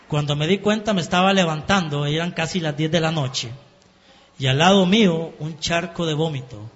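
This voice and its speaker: A man preaching his testimony in a sermon, turning emotional and rising to shouts at the peaks. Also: a little high. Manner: emotional, rises to shouting at climaxes. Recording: dull sound in a reverberant hall.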